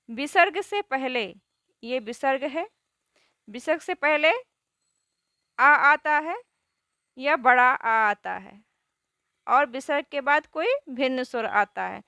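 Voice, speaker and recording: High-voiced woman teaching grammar slowly. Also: sharp tone, no echo, clean studio sound. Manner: asks questions and answers them herself; spells out words slowly. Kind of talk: Hindi grammar lesson.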